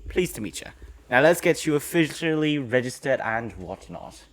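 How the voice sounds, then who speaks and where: A man's voice: mid-range voice, lively intonation, normal speed, close to an everyday voice. A man voicing a friendly male station chief in a video game, reading his welcoming lines aloud on a livestream and stumbling now and then.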